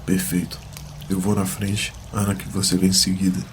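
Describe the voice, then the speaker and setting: A man's voice: sits low, monotone, moderate pace, background noise, lightly acted. A man playing a grave, commanding young bastard prince bent on revenge in a fantasy audio drama, speaking solemnly.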